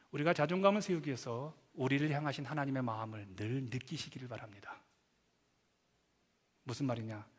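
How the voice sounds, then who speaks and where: A middle-aged male pastor giving a dramatic Sunday sermon, swinging from loud acted quotes to hushed asides. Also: on the high side. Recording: long church hall reverb.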